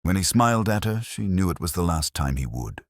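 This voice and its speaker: A man narrates a first-person detective story with measured, literary solemnity. His extremely deep, rough-edged voice moves expressively up and down in a sing-song way. The recording is dry and close, with no room sound.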